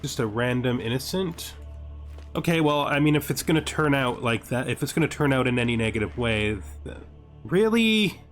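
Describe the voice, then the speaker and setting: With background music in the recording, a male gaming series host speaks at a moderate pace in an animated, medium-pitched voice. His easygoing game commentary is full of thinking aloud, rhetorical questions and exasperated asides, plus the odd bit of game text read aloud.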